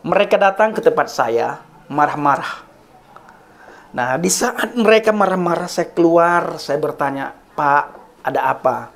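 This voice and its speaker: A man's voice: a little high, lively intonation, measured pace, gravelly, fairly bright tone. A man preaching to his online viewers in an earnest, repetitive, list-like cadence, often calling them Bapak Ibu. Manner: addresses listeners as Bapak Ibu. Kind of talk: sermon.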